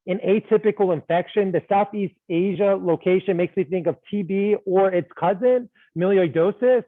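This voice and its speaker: High-voiced man on a tinny call. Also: dry recording. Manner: playful, self-deprecating, laughs often. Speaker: case discussant. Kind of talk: thinking aloud through a medical case. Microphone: video call. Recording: tinny phone-like line.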